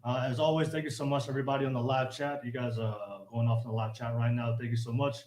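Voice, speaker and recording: Male live-stream host, muffled as if through a wall, roomy echo, halting delivery with fillers. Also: mid-range voice, flat delivery. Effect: muffled and quiet, as if heard through a wall. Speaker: podcast host. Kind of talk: casual live stream chat.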